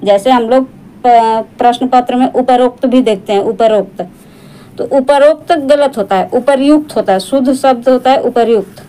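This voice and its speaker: High-voiced woman teaching spelling. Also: mellow, smooth, poor audio. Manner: repeats each word slowly, correcting common mistakes. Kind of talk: exam-prep spelling lesson.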